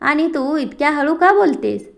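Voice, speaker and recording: A woman's voice: high voice, animated, normal speed, vocal fry. A woman voicing a polite, curious young woman who asks many questions. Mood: puzzled.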